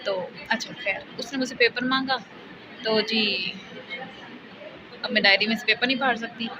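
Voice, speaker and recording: A woman's voice: a little high, fairly even intonation, normal speed. A young woman, telling a rambling storytime in a casual vlog. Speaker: vlogger. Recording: muffled phone audio with noise.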